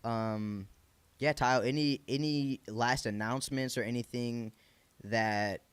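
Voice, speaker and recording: A man's voice: mid-range voice, fairly even intonation, unhurried, clear, resonant tone, dry recording. Male podcast host, Michigan accent, informal and encouraging, slangy interview chat, close dry sound.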